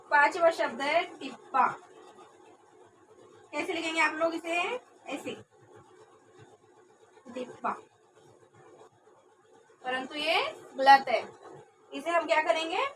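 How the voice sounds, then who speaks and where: A trainee teacher, a young woman, leads a classroom lesson in a high, fairly bright voice at an unhurried pace. She carefully repeats each word and poses questions that she answers herself. The recording sounds distant, with noticeable background noise.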